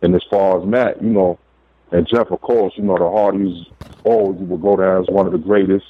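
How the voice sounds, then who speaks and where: Low-voiced Brooklyn man on a phone line. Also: steady tone, brisk, no echo. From Brooklyn, New York. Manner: hesitant, peppered with "you know". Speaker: phone-in caller. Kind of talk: casual chat. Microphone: telephone. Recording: narrow tinny phone line.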